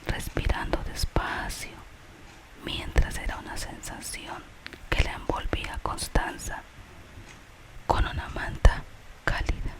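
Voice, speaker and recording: An ASMR storyteller whispers a gentle tale from start to finish. The delivery is very slow and unhurried, with no full voice in it. The narration moves softly from the story toward its moral. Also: poor audio.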